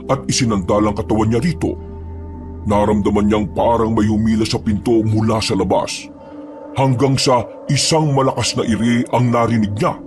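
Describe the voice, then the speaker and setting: A man narrating a horror story in a steady, grave manner. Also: mid-range voice. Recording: narration over loud music.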